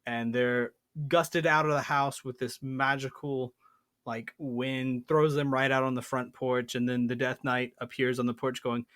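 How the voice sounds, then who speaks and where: A man's voice: medium pitch, little pitch movement, measured pace, a bit bright, no echo, studio quality. A man hosting a tabletop gaming podcast, telling a story in a playful, boastful way. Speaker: podcast host. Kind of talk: casual chat.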